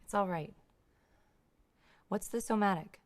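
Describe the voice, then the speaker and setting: An actress playing a calm female counselor who gives steady, reassuring instructions. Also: mid-range voice, unhurried, natural voice. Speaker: counselor in a demonstration session.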